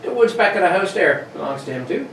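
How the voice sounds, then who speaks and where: In an amateur radio play, a man plays a deferential local police sergeant, speaking colloquially and in a confiding tone. His voice sits high and a bit bright, very animated and quick. The live recording sounds roomy, distant and noisy.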